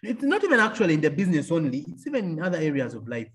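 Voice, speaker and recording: A man's voice: on the high side, huge pitch swings, very fast. A man, an engineer turned entrepreneur, telling stories about his faith and business in an interview. He laughs often and acts out the voices of other people. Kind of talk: faith-filled storytelling interview.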